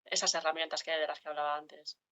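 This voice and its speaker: A woman answers in a workshop in a low, flat, bright voice. She hesitates and searches for words. The sound is dull and lo-fi. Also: quick pace. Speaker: workshop participant. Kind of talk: answering in a class discussion.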